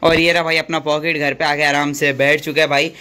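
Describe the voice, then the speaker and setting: A man, vlogging casually to his viewers in an excitable, chatty way with frequent laughter. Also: a little high, fairly quick, smooth. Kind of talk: casual vlog narration to viewers.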